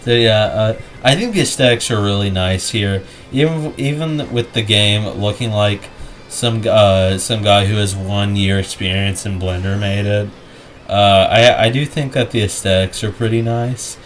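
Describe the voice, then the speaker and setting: Low rambling young man. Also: normal speed, slight background noise. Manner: rambling, lots of restarts and jokey asides. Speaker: co-host ranking game tracks. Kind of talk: casual gaming chat.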